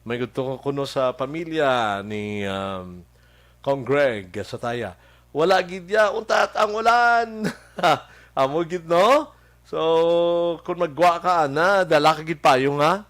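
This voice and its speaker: A man hosting a local radio show with a Hiligaynon accent, chatting casually and greeting listeners by name, halting with many fillers and chuckles. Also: a little high, expressive, fairly bright tone. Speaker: radio host. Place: radio studio.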